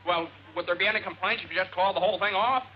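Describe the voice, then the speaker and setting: Actor as an easygoing young nephew, gentle drawl, muffled old film audio. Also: male voice, high-pitched, fairly even intonation, rapid-fire, slight background noise, natural voice. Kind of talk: 1940s film acting.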